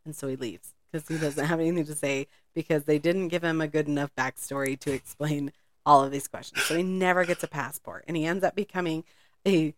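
A woman's voice: low voice, steady tone, brisk, dry recording. A woman co-hosting a podcast, telling a spy story in a rambling, casual way and laughing often. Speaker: podcast co-host.

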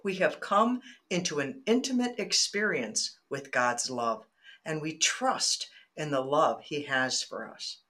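This Michigan woman's voice sits low, and she takes her time. Appearing as a guest on a faith podcast, she talks with earnest animation, reads passages of scripture, and breaks into laughter mid-story.

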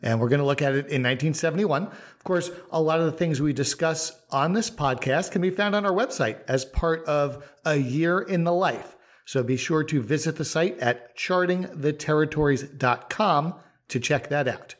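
Guy hosting a podcast, kinda high voice, laid back and rambly, lots of uhs. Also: moderate pace, hardly any pauses. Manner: relaxed, rambling with fillers and restarts. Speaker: podcast host. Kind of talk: casual podcast chat.

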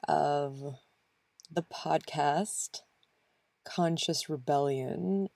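A woman's voice: low voice, dark tone, no room sound, clean studio sound. A young woman hosting her own podcast, talking reflectively about her life, with frequent fillers. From born in Venezuela, raised in Spain and the US. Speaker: podcast host. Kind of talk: solo podcast monologue.

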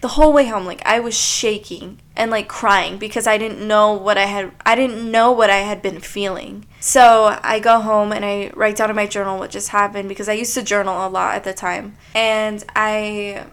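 A woman's voice: medium pitch, fairly even intonation, moderate pace, hardly any pauses, a bit bright. A young woman hosting a solo podcast, talking in a chatty, confessional way with plenty of filler words. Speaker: podcast host. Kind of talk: casual solo podcast monologue.

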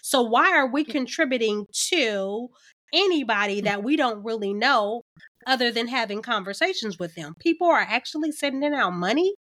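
A woman's voice: a little high, expressive, moderate pace, fairly bright tone. A woman co-hosting a podcast, chatting casually and asking incredulous questions. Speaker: podcast co-host. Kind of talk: casual chat.

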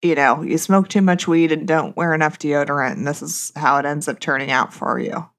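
A woman in her thirties with vocal fry, hosting a casual solo monologue in a blunt, sarcastic, gossipy way. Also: low-pitched, steady tone, brisk. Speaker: podcast host.

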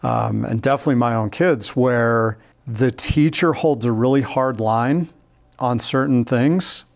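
A middle-aged man in easygoing podcast conversation, his voice sitting at an ordinary middle pitch. He is upbeat, laughs often and explains his points at length. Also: darkish tone. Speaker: podcast co-host. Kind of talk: casual podcast chat.

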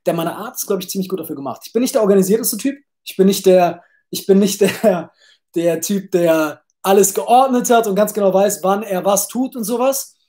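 A man's voice: high voice, a little mellow. A man hosting a solo podcast in a casual, rambling way, blunt and brash, with frequent restarts and repeated words. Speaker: podcast host.

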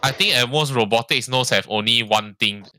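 A man's voice: mid-range voice, normal speed, pushed and bright, slight background noise. A man in casual podcast chat, rambling and tagging sentences with "lah". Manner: rambling, frequent "lah" and "ah" tags, swears. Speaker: podcast co-host.

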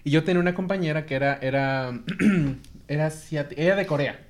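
A man's voice: a little high, a little fast. A man from Mexico, hosting a casual chat and telling anecdotes with lots of laughter. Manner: animated storyteller, laughs often, acts out voices in anecdotes. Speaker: podcast host.

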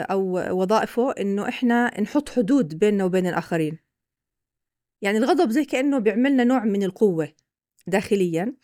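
Woman, Levantine Arabic accent, podcast expert, patient explainer, rapid delivery, mid pitch. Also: darkish tone, no echo, studio quality.

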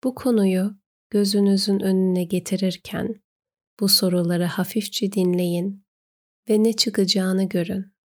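A woman narrating a guided meditation, giving gentle, unhurried instructions with pauses. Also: mid-range voice.

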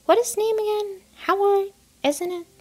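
A woman's voice: extremely high pitch, steady tone, normal speed, pitched above the performer's own voice. A woman voicing a nervous, stiff middle-aged husband in a whispered role-play, hesitant and mumbling.

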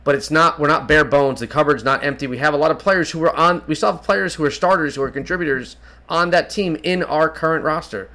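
A man's voice: fairly high pitch, fairly quick, sharp tone. A man hosting a fan podcast, earnest and repeating himself as he gathers his thoughts. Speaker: podcast host. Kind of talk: casual chat.

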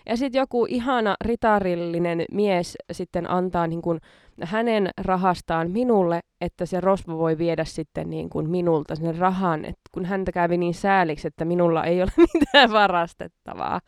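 A woman's voice: fairly low pitch, dry recording, studio quality. A woman hosting a podcast in casual chat, self-mocking and laughing often between her words. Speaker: podcast host.

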